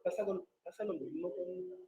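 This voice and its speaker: A man's voice: sits high, huge pitch swings, moderate pace, dark tone. A man chiming in with short joking remarks during an online class, heard from away from the microphone. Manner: brief joking interjections. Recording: muffled, from off-mic.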